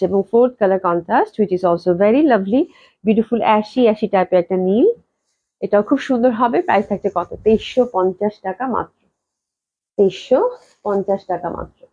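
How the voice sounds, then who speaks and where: A woman from Bangladesh runs a live clothing sale, talking fast in a fairly high voice. She repeats prices over and over and mixes English phrases into her chatter. The audio is dull and lo-fi, as from a live stream. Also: a little mellow. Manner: talks slowly on purpose to hold back a cough.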